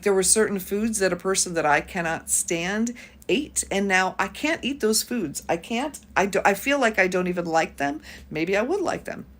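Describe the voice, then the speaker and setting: Chatty American woman in her fifties. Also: fairly low pitch. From United States. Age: 50s. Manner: chatty, reads out viewer comments. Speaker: YouTube host. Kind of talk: casual livestream chat.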